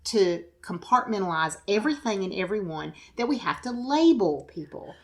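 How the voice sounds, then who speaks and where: A woman's voice: medium pitch, expressive, normal speed. A woman co-hosting a podcast in casual chat. She sounds opinionated and reflective and stresses her words emphatically. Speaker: podcast co-host.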